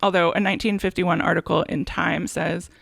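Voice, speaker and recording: A woman's voice: fairly low pitch, fairly even intonation, brisk, vocal fry, no room sound, clean studio sound. A woman hosting a podcast, telling a true-crime case in casual chat and laughing often as she reads out old quotes.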